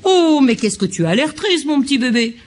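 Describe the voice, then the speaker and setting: A tender mother cooing to a sad baby, as a husky-voiced woman puts her on. Her baby talk is singsong and soothing, pitched higher and swooping, a little distant from the mic. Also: very animated, racing, a little mellow.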